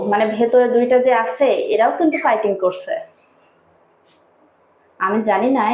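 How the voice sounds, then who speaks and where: A woman vlogging at home, chatting to her viewers and coaxing her pet birds in a sing-song voice. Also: a little hiss or hum. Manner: coaxing, sing-song baby talk to the birds, rising high when calling them. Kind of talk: casual vlog chat, talking to her pet birds. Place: home, indoors. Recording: echoey room, dull lo-fi sound.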